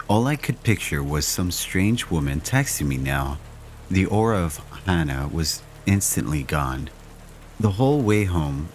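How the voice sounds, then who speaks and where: A man narrating first-person horror stories in a slow, measured, hushed way. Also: very deep voice, slight background noise.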